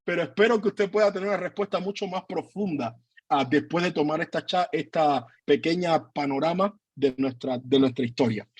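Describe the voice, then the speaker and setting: Husky pastor teaching online. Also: male voice, fairly high pitch, normal speed, no room sound. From Cuba. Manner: earnest, hesitant with many fillers.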